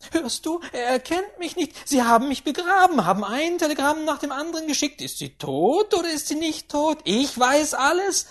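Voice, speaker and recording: A woman voicing a rich, imperious 75-year-old great-aunt who shouts orders and quarrels with everyone. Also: high-pitched, big pitch swings, moderate pace, hardly any pauses, voice pushed up. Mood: scolding. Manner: loud, commanding, quarrelsome.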